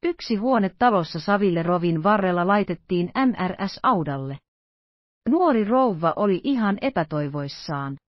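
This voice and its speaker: A woman narrates a classic adventure audiobook in a steady, measured way. Her pitch is middling, and the recording sounds dull and completely dry, with no room sound at all. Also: no echo.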